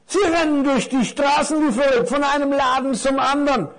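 A man voicing a thick, slow-witted gift-wrapped scarf in a children's story, puzzled and rambling. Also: very high-pitched, fairly even intonation, pitched above the performer's own voice. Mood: curious.

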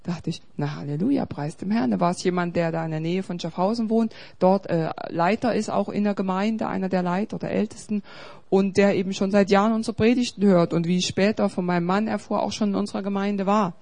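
A woman pastor preaches, her voice sitting at an ordinary middle pitch. She moves from loud, urgent appeals to a low, intimate storytelling tone and back again. It is the delivery of someone who talks to a congregation every week. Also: fairly even intonation, a little fast. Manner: emphatic, swings between loud urging and quiet storytelling. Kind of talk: sermon.

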